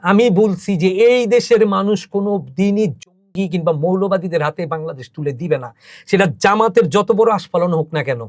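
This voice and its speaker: Impassioned high-voiced man. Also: brisk, a little mellow, no echo. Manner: emotional, emphatic storytelling with rising intensity. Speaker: podcast guest, cultural organizer. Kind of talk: impassioned interview talk.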